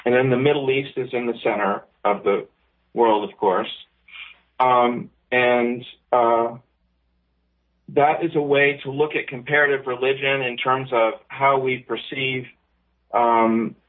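A man's voice: medium pitch, fairly even intonation, a little slow. A male caller on a speakerphone over an internet call, explaining his point hesitantly with many ums. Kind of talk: call-in radio talk. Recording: tinny phone-like call line.

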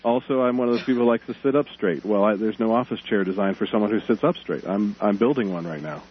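A man with a lowish voice calls a radio show and chats very quickly and keenly. The line is muffled with faint noise. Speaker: radio call-in guest. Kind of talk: casual enthusiastic chat.

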